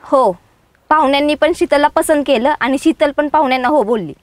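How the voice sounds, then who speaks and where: A woman's voice: high voice, no room sound, close to an everyday voice. Woman playing a firm, scolding village girl. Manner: firm, scolding, quick to call out lies. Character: sharp young village woman Radha.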